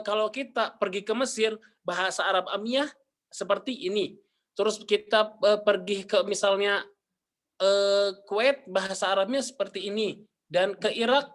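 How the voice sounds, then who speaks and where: A young man with an Indonesian accent giving a class presentation, pausing often with fillers and restarts. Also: sits high, a bit bright. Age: young adult. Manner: hesitant, many fillers and restarts. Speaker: university student presenter.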